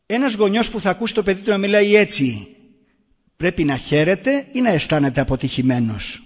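A man's voice: sits high, big pitch swings, breathy edge. A middle-aged man giving an earnest public talk, answering the audience with pointed rhetorical questions. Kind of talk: public talk on raising children. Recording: echoey hall, dull lo-fi sound.

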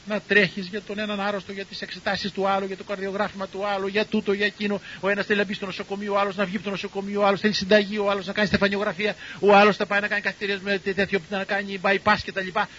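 An older man, a cardiologist, tells stories to an audience in a lively way and acts out the people he quotes. His voice is husky. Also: high-pitched, hardly any pauses, muffled recording, a little hiss or hum. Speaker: cardiologist and university professor giving a talk. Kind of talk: storytelling talk to an audience.

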